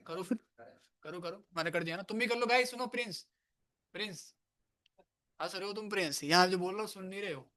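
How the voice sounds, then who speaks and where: High-voiced man teaching a live coding class. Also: brisk, long pauses, pushed and bright. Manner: casual, scolds and coaxes students. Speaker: programming teacher.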